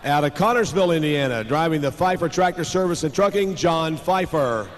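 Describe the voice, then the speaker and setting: A man with a fairly high voice works as a tractor pull announcer. He calls out line-ups live, drawing names out like a showman. The sound rings with long arena reverb over faint noise. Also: a little fast. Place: large indoor arena.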